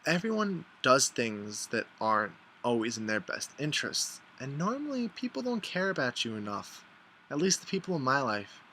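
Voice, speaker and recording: A man talking casually and warmly to camera about his best friend, filling his talk with "like" and playing out what friends say. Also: very animated, normal speed, a little hiss or hum. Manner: chatty, lots of "like", mimics friends in higher voices. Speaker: vlogger. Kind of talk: casual heartfelt vlog.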